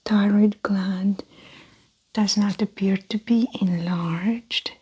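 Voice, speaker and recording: A woman playing a calm, methodical female doctor in a whispered role-play, speaking in a soft breathy whisper with gentle clinical narration. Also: medium pitch, slow pace. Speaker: ASMR performer.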